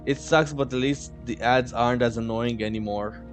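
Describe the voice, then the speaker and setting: A man's voice: medium pitch, steady tone, moderate pace, over music. A man playing a story game, reading its narration and every character's lines aloud in his own voice with offhand asides. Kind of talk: casual let's-play narration, reading dialogue aloud.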